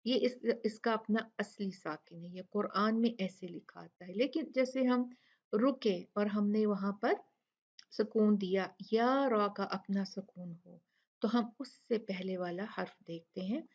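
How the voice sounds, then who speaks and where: A woman teaching a recitation lesson at a slow, unhurried pace and in a mid-range voice. She explains each rule patiently and stretches out the syllables she demonstrates. The audio sounds a little dull and lo-fi. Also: mid-range voice, darkish tone.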